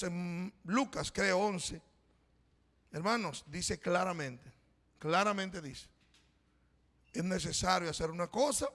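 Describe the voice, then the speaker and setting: High, gravelly middle-aged pastor preaching. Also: male voice, fairly bright tone. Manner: storytelling, conversational, addresses congregation as brothers. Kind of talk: sermon with personal testimony. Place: church. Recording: reverberant church hall.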